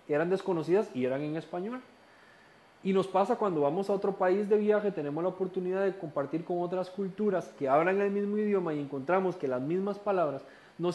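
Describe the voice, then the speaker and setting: In a recorded Bible study lesson, a Costa Rican man with a fairly high voice and a Costa Rican Spanish accent explains things calmly. He sometimes restarts words and leans on rhetorical questions.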